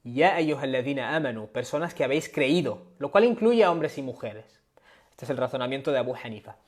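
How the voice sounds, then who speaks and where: A man's voice: medium pitch, expressive, brisk. A man teaching on a live stream, explaining step by step and often checking in with his listeners. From Spain. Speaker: Islamic studies teacher. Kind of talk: live-stream lecture with questions. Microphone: webcam or phone on a live stream.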